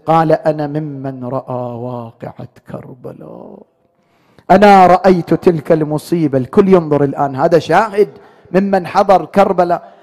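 A man's voice: fairly high pitch, moderate pace, a little mellow. A man, a mourning-ritual preacher, telling a religious story in a grieving, emotional, half-chanted recitation. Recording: echoey room.

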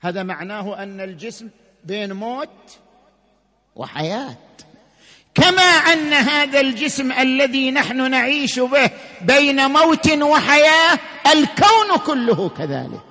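High-voiced man lecturing in a hall. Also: sing-song, bright, forceful tone. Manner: emphatic, slows down and rises on key words. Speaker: religious lecturer. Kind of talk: sermon-style lecture.

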